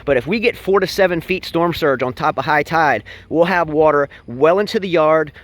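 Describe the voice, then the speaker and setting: Guy with a pretty high voice doing a casual storm update vlog, talking viewers through it. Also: normal speed, dry recording. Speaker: storm-tracking vlogger. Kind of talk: casual live weather update, explaining to viewers. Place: out and about on a coastal island, partly in a vehicle, then at his house.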